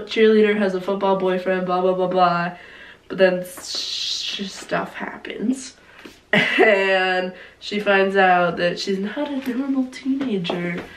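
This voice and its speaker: A woman's voice: mid-range voice, distant mic. A young woman, sick with a cold, talks in a congested voice from some way off the microphone in an echoey room. Her delivery is informal and rambling, as in a casual video chat, and she often breaks off and restarts her thoughts. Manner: rambling, informal, self-interrupting, frequent "like". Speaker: book vlogger presenting favorite reads.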